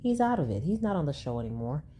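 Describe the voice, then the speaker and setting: A woman's voice: low-pitched, big pitch swings, quick pace, dark tone, slight background noise. A woman giving skeptical, sassy commentary on gossip clips. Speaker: commentary channel host. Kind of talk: reaction commentary on celebrity gossip.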